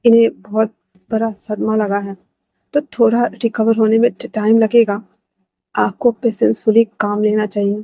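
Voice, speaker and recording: Calm male doctor, read by a female narrator; plain, formal. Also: mid-range voice, a little slow, gravelly, no room sound, poor audio.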